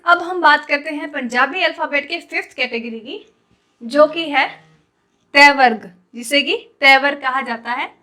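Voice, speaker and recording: A woman with a high, bright, forceful voice teaches an online Punjabi script lesson at a moderate pace. She patiently explains each letter step by step as she writes it, addressing viewers as guys.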